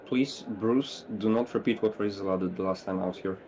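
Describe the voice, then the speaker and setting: A man's voice: fairly low pitch, moderate pace, darkish tone, a little hiss or hum. A man who races in a sim racing league, chatting in voice chat and explaining his strategy in long run-on sentences. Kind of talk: casual voice chat before a sim race.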